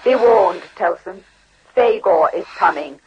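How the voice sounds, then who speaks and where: An actress playing a ship's radio operator sending an urgent warning, heard through a spacesuit helmet radio with a husky voice. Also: female voice, mid-range voice, expressive, measured pace, dull audio, a little hiss or hum. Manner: urgent, clipped radio calls.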